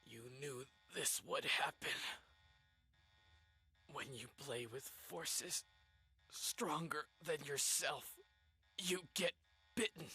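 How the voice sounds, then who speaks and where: An actor playing a grave, determined character in a sci-fi video game, with a husky voice and deliberate delivery. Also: medium pitch, sharp tone, faint music behind, heavily acted. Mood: grave, reproachful. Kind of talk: dramatic video game dialogue.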